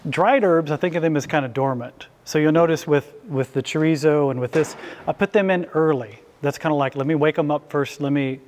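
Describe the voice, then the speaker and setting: Brisk and a bit mellow, his voice sits on the high side. The middle-aged chef hosts an informal live cooking demo for a small audience in an indoor hall, chatting easily and inviting questions.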